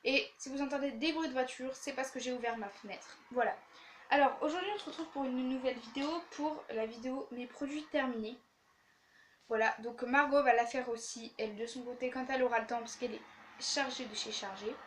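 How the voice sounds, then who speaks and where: A young woman with a fairly high voice talks through her finished beauty products in a chatty, rambling way, tired and tripping over words. She films herself at home by an open window, and there is a faint hiss under her voice. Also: fairly even intonation, fairly quick. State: tired after a day of classes. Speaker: beauty vlogger. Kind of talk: casual product-review chat. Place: bedroom facing an open window, street traffic outside. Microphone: handheld camera without tripod.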